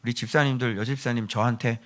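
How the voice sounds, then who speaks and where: A male pastor preaching a sermon in an emphatic, scolding way, swinging between loud bursts and whispers and acting out quoted prayers. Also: medium pitch, steady tone, fast. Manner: acts out quoted prayers and speech.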